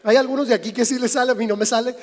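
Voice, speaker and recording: A man's voice: extremely high pitch, steady tone, racing, darkish tone. A man with a Mexican accent preaching a sermon as pastor, in a conversational way that speaks straight to the listeners. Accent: Mexican Spanish. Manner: conversational, addresses listeners directly. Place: church sanctuary. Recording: long church reverb.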